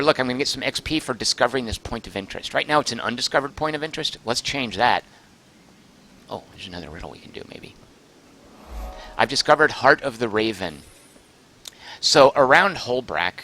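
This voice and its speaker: A man streaming a game live, chatting excitedly, thinking aloud and reading chat messages aloud, close to his microphone. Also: fairly low pitch, slight background noise. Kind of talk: live gameplay commentary.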